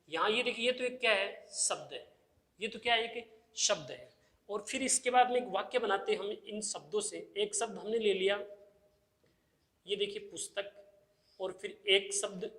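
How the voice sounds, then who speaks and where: High-voiced male Hindi grammar teacher. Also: bright, forceful tone. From India. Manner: asks the class questions and answers them himself, repeating key terms. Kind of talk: exam-prep grammar lesson.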